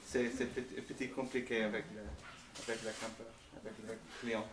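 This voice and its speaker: Man with foreign accent, halting French, echoey. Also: mid-range voice, flat delivery. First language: not French. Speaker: project founder answering audience questions. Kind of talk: casual question-and-answer talk. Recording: echoey room, distant mic, faint noise.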